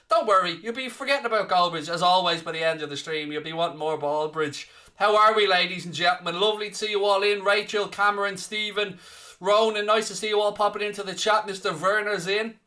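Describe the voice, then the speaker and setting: His voice sits high, bright and forceful. He's from southeast Ireland and is standing in as host of a live football watchalong, chatting casually through the comments and teasing viewers with cheeky banter.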